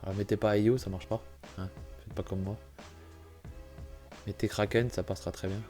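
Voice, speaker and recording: Over soft background music, a man with a lowish, warm voice speaks at a moderate pace with little pitch movement. The gaming YouTuber has a cold, clears his throat, and gives a chatty, self-correcting walkthrough of a computer-building game with many apologies.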